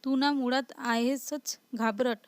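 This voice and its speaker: A woman's voice: sits high, steady tone, slow pace, dry recording. A woman voicing a playful young husband who teases his wife in a storybook reading. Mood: teasing. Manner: teasing, lightly mocking.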